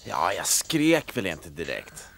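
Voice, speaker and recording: Brief: a dry, awkward radio guy with animated pitch. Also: a little hiss or hum, heavily acted. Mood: wry. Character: new radio host in town, wry, mild. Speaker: radio host. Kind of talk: film drama acting.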